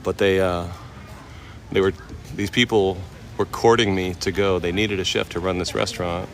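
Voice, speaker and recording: This man speaks in a deep, steady voice at a moderate pace. He's an American chef and livestreamer in his forties from the West Coast, casually telling slangy stories to a live audience as he walks through a temple complex outside. Traffic and outdoor noise can be heard.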